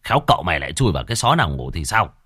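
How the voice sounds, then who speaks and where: A man voicing a gruff, worried older village landowner who speaks in curt, commanding questions. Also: deep voice, big pitch swings, very fast, bright, forceful tone, dry recording, studio quality, full character voice.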